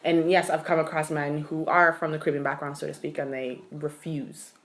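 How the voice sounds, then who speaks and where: A woman's voice: low-pitched, little pitch movement, a little fast. A woman in a casual podcast chat, talking bluntly and candidly and peppering her speech with "like".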